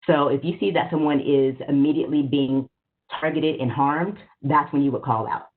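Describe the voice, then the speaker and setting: A woman's voice: sits low, steady tone, normal speed. A woman presenting a workshop on a webinar, speaking conversationally and often checking in with "right?". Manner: conversational, asks for slides, frequent "right?". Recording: phone-like narrow audio.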